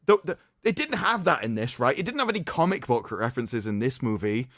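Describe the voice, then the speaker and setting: With a very animated, slightly bright voice that swings widely in pitch, a male livestream host theatrically delivers a mock-solemn dramatic reading, interrupting it with sarcasm. He talks a little fast, and the close, very dry recording has no echo.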